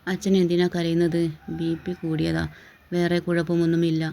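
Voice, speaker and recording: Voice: mid-range voice, monotone, normal speed, creaky, warm tone, lightly acted. A storyteller reading the lines of a frightened, devoted young daughter in a storybook, in a level, unchanging voice. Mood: pleading. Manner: pleading, soothing.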